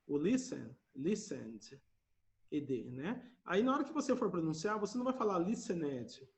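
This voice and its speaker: A man's voice: on the high side, animated, normal speed, creaky. A man with a Brazilian Portuguese accent teaching English on a video call, patiently repeating words for his students to echo. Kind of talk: online class teaching.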